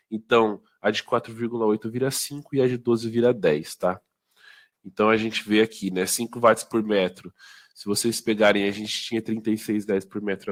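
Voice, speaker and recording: Brazilian man, lowish voice, casual product presenter who keeps checking in with the audience. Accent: Brazilian Portuguese. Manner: conversational, many fillers and tag questions. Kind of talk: informal sales training talk.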